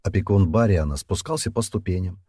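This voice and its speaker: A man narrating a fantasy novel as an audiobook in a steady, low-key way. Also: brisk, no echo, studio quality. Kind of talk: scripted fiction narration.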